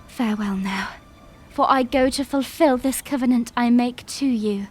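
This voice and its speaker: A woman's voice: fairly high pitch, normal speed, faint music behind, natural voice. A woman playing a young princess in an audio drama, speaking formally and earnestly as a solemn, resolute leader. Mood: solemn, proclaiming. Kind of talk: fan audio drama acting, formal oratory.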